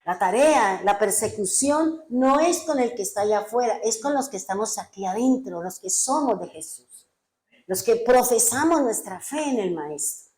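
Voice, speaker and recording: A woman pastor delivers an emphatic sermon, firing rhetorical questions at her congregation. Her voice sits fairly high for a woman. The room around her is echoey. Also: lively intonation, normal speed, darkish tone.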